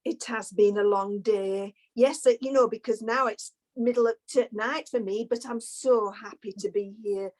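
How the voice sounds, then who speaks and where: A woman's voice: a little high, steady tone, normal speed, hardly any pauses, darkish tone, close to an everyday voice. A woman playing a fussy, gushing webinar participant in improv comedy.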